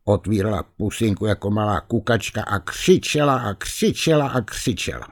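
A man reading a fairy tale aloud in a lively, expressive way. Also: lowish voice. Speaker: storyteller.

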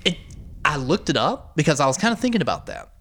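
A man chatting casually and telling stories in a rambling, animated way with plenty of swearing. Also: fairly high pitch, quick pace. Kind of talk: casual chat, storytelling.

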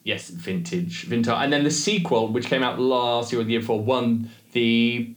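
A man's voice: mid-range voice, normal speed. A man co-hosting a podcast, talking in a chatty, jokey way that often wanders off into asides. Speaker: podcast co-host. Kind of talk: casual chat. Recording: roomy echo.

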